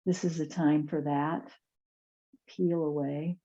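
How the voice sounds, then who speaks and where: Soft, mellow, creaky-voiced woman guiding yoga. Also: sits low, steady tone, highs cut off. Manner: soft, soothing, unhurried guidance with pauses. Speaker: chair yoga teacher. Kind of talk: guided yoga class and relaxation.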